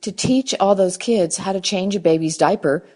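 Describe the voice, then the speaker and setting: A woman with a mid-pitched voice, once a youth advisor, tells a lively story for a tribute. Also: moderate pace. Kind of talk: anecdotal tribute.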